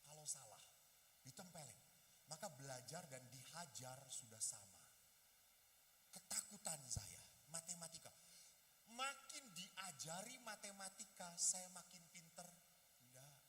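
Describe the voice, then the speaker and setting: A man, a priest, giving a lively talk to young people and acting out the voices of people in his stories. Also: on the high side, measured pace, long reverb tail. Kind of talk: lively youth talk with acted dialogue. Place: hall at a youth gathering.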